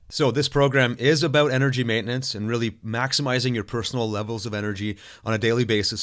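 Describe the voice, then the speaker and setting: A man speaking as a self-improvement coach, addressing the listener directly in an earnest, motivational way, with occasional fillers and restarts. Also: mid-range voice. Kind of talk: coaching program talk.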